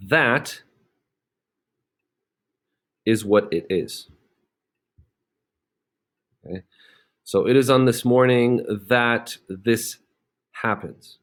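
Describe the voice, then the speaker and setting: A man's voice: mid-range voice, drawn-out words, pauses often. A man teaching a grammar lesson, explaining step by step with frequent "okay?" checks and fillers. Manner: plenty of fillers and restarts.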